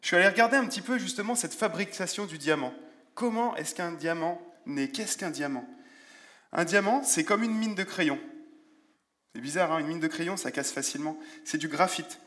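A man preaching a sermon in a relaxed, conversational way, with self-deprecating humor and Bible verses read aloud. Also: a little high, normal speed. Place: church.

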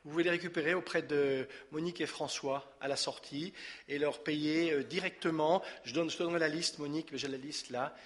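A man's voice: on the high side, fairly even intonation, a little fast. A man, leading a church service, giving announcements and a blessing in a conversational, hesitant way with many fillers. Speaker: pastor. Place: church hall.

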